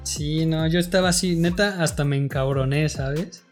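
A man's voice: on the high side, normal speed, faint music behind. A Mexican man chatting casually about a video game, swearing freely and acting out his reactions as he tells it. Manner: slangy, profane, animated storytelling with acted-out reactions.

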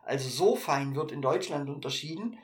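A man's voice: on the high side, moderate pace. A man co-hosting a casual podcast, thinking aloud with frequent fillers and restarts. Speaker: podcast co-host.

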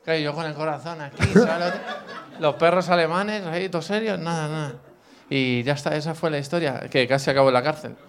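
A man with a voice a touch higher than most men's tells a comic story from his life in relaxed conversation. He repeats the lines people said to him as the story unfolds. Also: fast talker, smooth. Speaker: comedian guest. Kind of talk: comic storytelling in casual chat.

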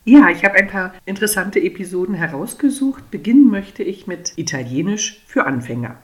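A woman author reading from her book in an interview, telling the stories in a lively, expressive way. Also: medium pitch, brisk.

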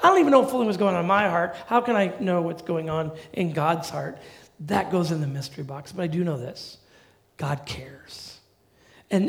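Middle-aged pastor guy preaching, kinda high voice with a gravelly edge, chatty and jokey. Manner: conversational, animated preaching with asides and humor. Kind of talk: sermon.

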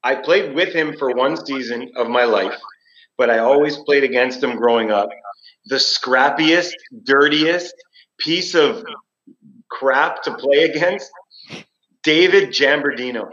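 A man of middle pitch chats bluntly about old rivals. His voice comes through a cave-like echo. The microphone sounds dull and muffled. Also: unhurried, a bit bright. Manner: blunt, storytelling. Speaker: former player, podcast co-host. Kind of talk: casual sports chat. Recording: echoey, dull remote mic.

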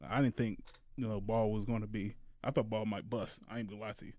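A man's voice: fairly low pitch, level tone, fast, mellow, no echo. A man co-hosting a casual sports podcast, rambling and hesitant, laughing often. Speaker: podcast co-host.

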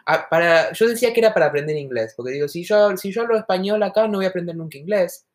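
Argentine woman co-host, earnest and reflective, lowish voice. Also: animated, fast. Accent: Argentine Spanish, softened toward neutral. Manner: earnest, reflective, talks at length. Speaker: podcast co-host. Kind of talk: casual podcast conversation.

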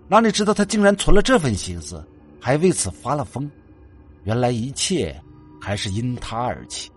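Husky male ghost story narrator. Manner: dramatic reading with swings in pitch.

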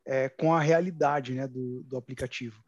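A man in his thirties hosting a podcast, speaking in a friendly way with many pauses and "é" fillers. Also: medium pitch, steady tone, slightly rough, no echo, dull audio. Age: 30s. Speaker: podcast host. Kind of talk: casual podcast chat.

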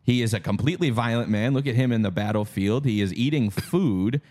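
A man co-hosting a comedy podcast, presenting a mock-serious conspiracy theory with rising excitement. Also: mid-range voice, a little fast. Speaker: podcast co-host.

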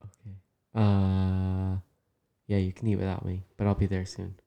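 A man's voice: low voice, monotone, measured pace, gravelly, clear, resonant tone, muffled recording. Young man, podcast guest, easygoing, laughs a lot. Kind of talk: casual chat.

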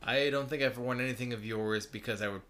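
A man's voice: mid-range voice, steady tone, fast talker, a bit bright. A young man co-hosting a casual couples podcast, joking and telling rambling stories. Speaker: podcast co-host.

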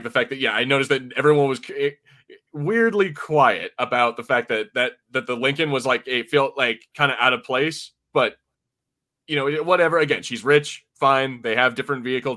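An American man co-hosts a podcast, reviewing a TV episode he follows as a fan in a casual, rambling, informal chat. His voice is mid-range with a sharp tone.

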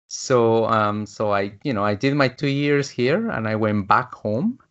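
A man's voice: mid-range voice, animated, unhurried. A man in his fifties from Guatemala, a business coach telling his life story as an interview guest, with many fillers and restarts. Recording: dull lo-fi audio.

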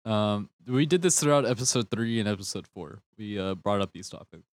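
A young man co-hosting a podcast, mock-serious and halting, full of fillers. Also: fairly low pitch, no echo, clean studio sound. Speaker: podcast co-host. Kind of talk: casual chat.

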